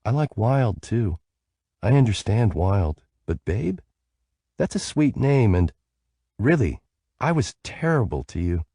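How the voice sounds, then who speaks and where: A man's voice: lowish voice, sing-song, slow, long pauses, dark tone, breathy edge, no echo, clean studio sound, pitched above the performer's own voice, exaggerated voice. A man reading an audiobook, voicing a sleepy, bubbly young woman who rambles playfully on the phone.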